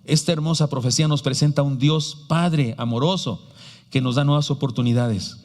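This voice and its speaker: A man's voice: mid-range voice, steady tone, normal speed, darkish tone, long reverb tail. A male pastor with a Mexican Spanish accent, preaching a sermon, telling stories and asking the congregation questions. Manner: storytelling, asks the congregation questions. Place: church sanctuary.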